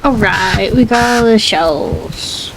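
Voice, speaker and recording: A woman's voice: medium pitch, slow pace, gravelly. Woman gamer, casual let's-play commentary, rambling and self-correcting; noisy recording. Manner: chatty, fills with "like"; stumbles over words. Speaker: gaming YouTuber. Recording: steady background noise.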